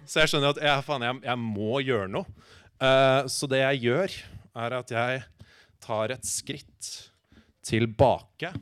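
A man telling a humorous personal anecdote in a halting, animated way, full of filler sounds and acted-out quotes. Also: mid-range voice, no echo, studio quality. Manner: acts out quoted lines in shifting voices.

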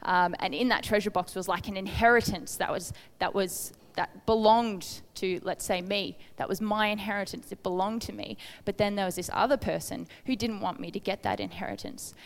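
Woman giving a chatty earnest sermon, average pitch, big hall with long reverb tail. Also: steady tone, moderate pace, gravelly, hardly any pauses. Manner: conversational, earnest, asks the listeners questions. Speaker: preacher. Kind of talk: informal sermon with Bible reading.

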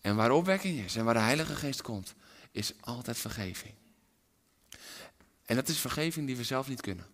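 A man preaching a sermon, dropping to hushed whispers and rising to loud, impassioned climaxes. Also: mid-range voice, expressive, normal speed.

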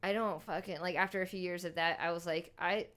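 A woman's voice: lowish voice, fairly even intonation, fairly quick, a bit bright. A woman in her thirties from Louisiana, a guest chatting casually, laughing often and swearing. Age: 30s. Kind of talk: casual chat.

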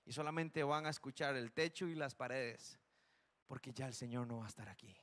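A man from Costa Rica preaching a sermon in a church, swinging between loud urgent declarations and hushed, low warnings. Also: fairly even intonation, brisk. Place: church sanctuary.

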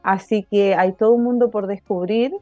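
A woman, a guest explaining her field in a measured way during an interview. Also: mid-range voice, steady tone, darkish tone, no echo, lo-fi sound, soft background music. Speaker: guest, mycologist and author. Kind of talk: interview answer.

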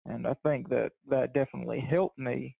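A man's voice: mid-range voice, steady tone, normal speed, creaky, dark tone, breathy edge, no echo, low-quality recording. A man speaking as a guest on a podcast, chatting in an easygoing way and saying "y'all". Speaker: podcast guest, competitive shooter. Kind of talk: casual podcast interview.

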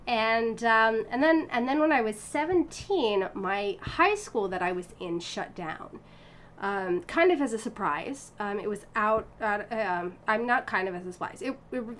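This violinist, a US woman in her thirties, speaks at normal speed with a medium pitch over slight background noise. She's a lively interview guest recounting her story casually, often laughing, restarting sentences and using lots of fillers.

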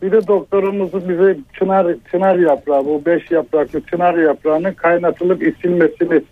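High-voiced man calling in over a landline phone. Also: fairly even intonation. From Bursa, Turkey. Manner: hesitant, polite, measured. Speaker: caller. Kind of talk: phone-in question to a radio show. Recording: narrow tinny phone line.

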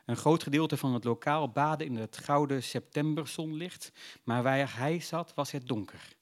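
Guy reading a novel aloud, calm and measured, mid-pitched voice. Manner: measured, reflective storytelling. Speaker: narrator. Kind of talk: literary audiobook narration.

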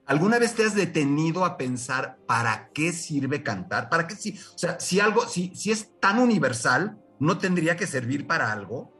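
A Mexican man teaching music as a radio guest, lecturing with lively rhetorical questions and sung examples. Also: on the high side, normal speed, hardly any pauses, distant mic. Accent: Mexican Spanish. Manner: animated, lecturing, sings short examples. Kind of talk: radio interview lesson.

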